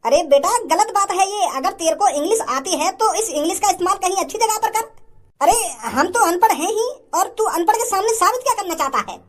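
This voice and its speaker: A woman voicing a stubborn old cartoon chaat seller. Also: very high voice. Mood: scolding. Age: older. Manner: scolding, stubborn, stammers when upset. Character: old male street chaat vendor, stubborn and proud. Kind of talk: cartoon voice acting. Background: music.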